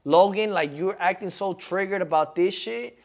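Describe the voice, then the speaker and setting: Reacting on stream to a podcast clip, a man in his 20s rambles in slangy, casual commentary and keeps asking his chat "you feel me." He speaks at a moderate pace in a high-pitched voice.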